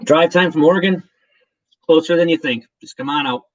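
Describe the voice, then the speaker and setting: A man's voice: on the high side, a little fast, dull audio. A man hosting a casual livestream, talking in a chatty, rambling way with many restarts. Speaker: livestream host. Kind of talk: casual chat.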